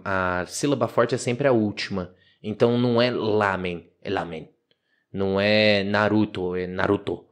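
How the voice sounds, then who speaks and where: A man hosting a casual podcast, explaining things in an animated, slangy way. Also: on the low side, normal speed, hardly any pauses, clear, resonant tone. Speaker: podcast host.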